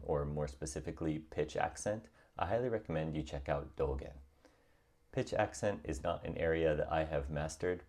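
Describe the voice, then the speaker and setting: Man, young adult, extremely low voice, calm encouraging tutorial narration. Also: gravelly. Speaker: language-learning YouTuber.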